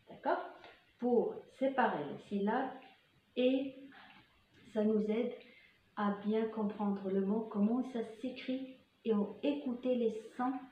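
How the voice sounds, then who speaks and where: A kindergarten teacher, a woman, leading a vocabulary lesson, slowly saying single words again and again for the children to repeat. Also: on the high side, slight background noise. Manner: slow, drawn-out repetition of single words for children to echo. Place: school classroom. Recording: echoey classroom, slightly dull sound.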